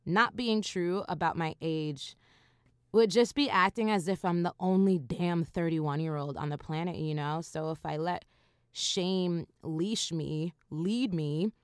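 A woman's voice: deep voice, unhurried, smooth, no room sound, studio quality. A woman in her thirties hosting a solo podcast, talking casually with slang, laughter and swearing. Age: 30s. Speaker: podcast host.

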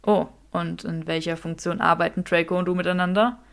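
A woman reading a smug, flirtatious wizard man who teases his rival, in a slow, drawling manner. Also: fairly low pitch, steady tone, vocal fry.

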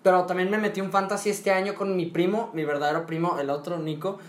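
A man's voice: high voice, fairly even intonation, fast. Slangy teen guy from Monterrey. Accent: northern Mexican (Monterrey). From Monterrey, Mexico. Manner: slangy, joking storyteller. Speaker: podcast co-host. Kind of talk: casual chat. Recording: echoey room, faint background noise.

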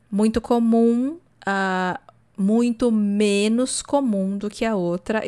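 A Brazilian woman with a Brazilian Portuguese accent, a native Portuguese speaker, teaching English in a podcast lesson, explaining slowly and demonstrating pronunciation. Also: mid-range voice, a little mellow, smooth.

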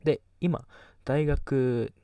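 A nineteen-year-old podcast host from Kagoshima, Japan, with a light local accent, speaks very slowly in a medium-pitched, creaky, dark voice with fairly even intonation. The mic is distant but there's no echo. His casual chat rambles, turns self-deprecating, and trails off mid-thought as he loses his thread.

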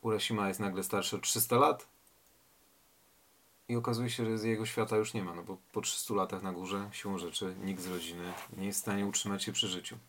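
A man's voice: on the low side, steady tone, brisk, a bit bright. A man reading a tale aloud and commenting on it reflectively, asking rhetorical questions. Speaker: reader and literary commentator.

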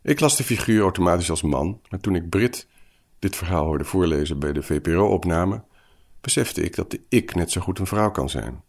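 Brief: male presenter, very deep and gravelly, calm scripted introduction. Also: moderate pace. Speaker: program presenter.

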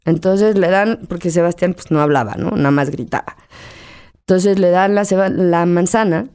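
A woman's voice: lowish voice, normal speed, darkish tone, smooth. A middle-aged Mexican woman speaks as an interview guest, her accent plain in every line. She tells a hard personal story candidly, with emotion close to the surface. She acts out the voices of the people in her story as she talks.

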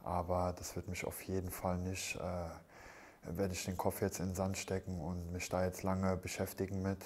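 A man with a broken nose talks in a deep, fairly flat voice. He is a fighter giving a casual interview after a bout, matter-of-fact and somewhat halting as he answers. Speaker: MMA fighter, interview guest.

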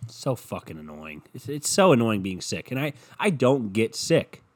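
A stuffy-nosed young man with a sore throat hosts a podcast by himself, rambling loosely with lots of joking and profanity. His voice is medium-pitched and sing-song, moving at a normal speed. It's a casual solo podcast rant.

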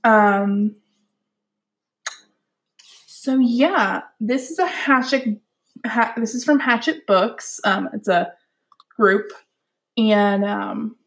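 A woman's voice: mid-range voice, extremely slow, pauses often. A young woman chatting casually about books at home at night, giggly, rambling and poking fun at herself. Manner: giggly, rambling, self-deprecating. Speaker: book reviewer. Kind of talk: casual chat.

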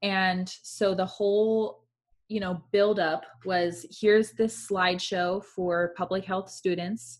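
A woman's voice: medium pitch, steady tone, slow. A woman in her twenties chatting casually and reflectively as a guest, with many fillers. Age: 20s. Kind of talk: casual chat.

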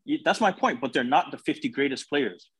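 A man's voice: mid-range voice, lively intonation, a little fast, a bit bright. A young man bantering about sports, slangy and insistent, often repeating himself to get a word in. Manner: slangy, repetitive, insistent, interjecting. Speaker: sports podcast panelist.

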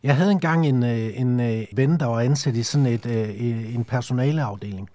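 A middle-aged man from North Jutland, chatting casually as a guest player in a tabletop football game, quick to agree and laugh. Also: medium pitch, warm tone, no echo. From North Jutland, Denmark. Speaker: guest player, former striker. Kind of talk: casual role-play chat.

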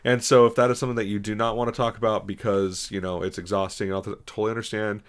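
A man's voice: lowish voice, flat delivery, fast, clean tone. A man hosting a podcast, chatting in a loose, rambling way with casual swearing. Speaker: podcast host.

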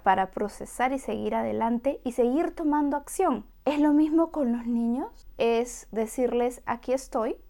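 A woman hosting a motivational podcast, speaking in an expressive, encouraging way to her listeners. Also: a little high, gravelly. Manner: expressive and encouraging, acts out voices of adults soothing children. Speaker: podcast host.

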